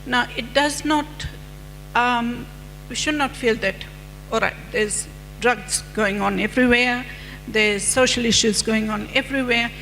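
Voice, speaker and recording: Conference speaker: middle-aged woman, fairly high voice, measured lecturing delivery, reverberant hall with faint hum. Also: bright, forceful tone, faint music behind. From Fiji. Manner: measured, lecturing with rhetorical questions. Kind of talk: conference presentation.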